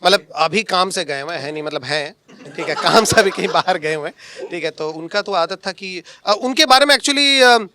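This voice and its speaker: Bright high-voiced joking male teacher. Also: expressive, moderate pace. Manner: chatty, teasing, laughs often. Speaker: exam coaching teacher. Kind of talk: casual joking chat among colleagues.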